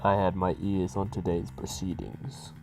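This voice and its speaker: A shadowy male schemer calls on the phone, his voice pushed very low by a pitch-shifting voice changer, as a man voices him. He speaks calmly and formally with a cool menace. Soft music plays faintly underneath. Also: a little slow, poor audio. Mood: menacing. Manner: calm, formal, coolly menacing. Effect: deep pitch-shifting voice changer. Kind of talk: let's play voice acting of game text.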